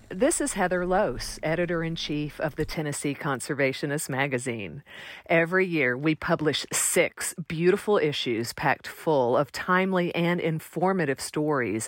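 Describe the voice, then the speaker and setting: A woman with a notably deep voice reads a polished magazine advertisement. The sound is close and dry, with no room around it. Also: no echo. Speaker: magazine editor in an ad. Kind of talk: read advertisement.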